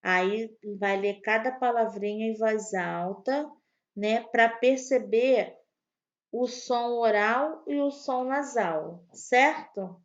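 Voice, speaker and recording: Woman, primary teacher, slow careful delivery, slightly high voice, dull lo-fi audio. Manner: slow, patient, spells out words for young pupils. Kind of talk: online grammar lesson for children.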